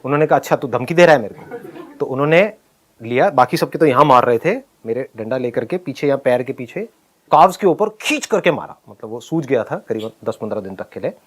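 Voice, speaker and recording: A middle-aged man casually telling a personal story, animated, often laughing and acting out what people said. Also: medium pitch, fairly quick. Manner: animated, laughs while telling, acts out quoted lines.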